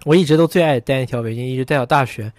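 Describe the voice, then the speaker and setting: A man's voice: medium pitch, rapid-fire, darkish tone, dry recording, studio quality. A young man in his twenties co-hosting a casual podcast, rambling through stories and joking along the way. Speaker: podcast co-host. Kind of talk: casual chat.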